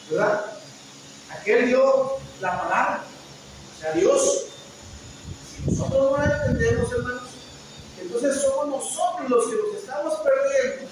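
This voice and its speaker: A man preaching a sermon, often asking "¿verdad?" and calling out to the brothers, sometimes rising to a shout. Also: very high-pitched. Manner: keeps asking "¿verdad?" and calls out "hermanos"; rises to a shout at points. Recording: echoey room from far off with noise.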